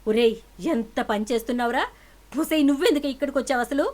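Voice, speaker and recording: An angry, domineering middle-aged mother, loudly berating and ordering her daughter home. Her voice sits somewhat high and strident. A woman narrator puts her on. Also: lively intonation, fast talker. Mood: furious. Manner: shouting, berating.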